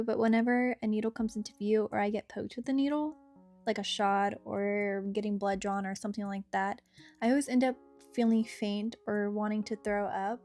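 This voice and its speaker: A woman's voice: mid-range voice, darkish tone. A young adult woman telling a personal story in a casual, chatty, conversational way. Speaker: storyteller narrating own experience. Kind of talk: casual story time narration. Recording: guitar music behind the voice. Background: guitar music.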